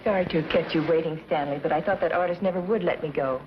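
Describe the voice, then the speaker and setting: An actress playing a proud, sharp-tongued young woman with a crisp, cutting way of speaking. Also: sits low, fast, lightly acted. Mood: chatty. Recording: dull 1950s TV soundtrack with hiss.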